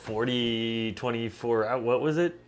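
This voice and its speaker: A man's voice: medium pitch, measured pace. A man co-hosting a casual livestream trivia game, wisecracking and swearing lightly. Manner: joking, wisecracking, mild swearing. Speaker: trivia co-host.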